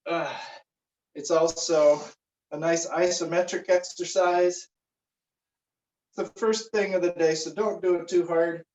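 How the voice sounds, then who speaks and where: A man leading a guided meditation and warm-up stretches, giving slow, relaxed instructions with frequent fillers. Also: fairly high pitch. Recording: roomy, distant, dull recording.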